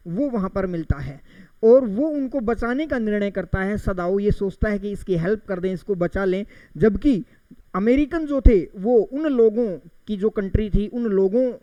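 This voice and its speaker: A man's voice: sits high, a little slow, warm tone, no room sound, highs cut off. A man teaching an exam-prep class in Hindi with terms, explaining step by step and answering his own questions.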